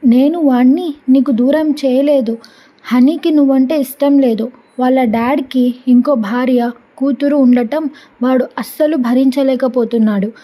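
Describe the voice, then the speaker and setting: A woman's voice: high-pitched, measured pace, mellow. A woman voicing a fierce, stubborn wife who speaks angrily and defiantly in a storybook reading. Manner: angry and defiant.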